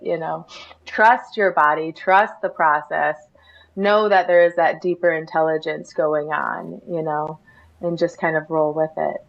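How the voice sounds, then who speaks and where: A woman's voice: fairly low pitch, creaky, fairly bright tone, dull audio. A woman podcast host in casual interview chat, talking freely with lots of "you know" and "like". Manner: chatty, many fillers like "you know".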